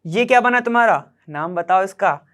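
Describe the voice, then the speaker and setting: A man's voice: high-pitched, expressive, normal speed, a bit bright. A man teaching chemistry problems step by step, chatty, quizzing the viewer and checking in with short "okay"s as he works. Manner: chatty, quizzes the viewer, keeps saying "theek hai".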